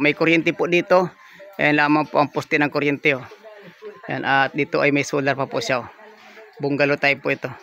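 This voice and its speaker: With background noise around him, a man with a fairly high voice gives a property tour of a coconut farm lot for sale as a real estate agent. He walks and narrates politely, repeating "yan po" and "oh" as he points things out.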